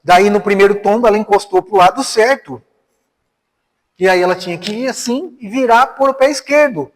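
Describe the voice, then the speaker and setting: Man, Brazilian Portuguese accent, spiritist lecture, conversational, rhetorical questions, fairly high voice, long hall reverb. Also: moderate pace. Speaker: spiritist speaker. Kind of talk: spiritist lecture with personal stories.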